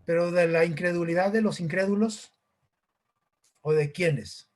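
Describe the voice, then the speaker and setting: A man's voice: high-pitched, measured pace. A man preaching an informal sermon, hesitant, with many fillers and restarts, often asking the listeners questions.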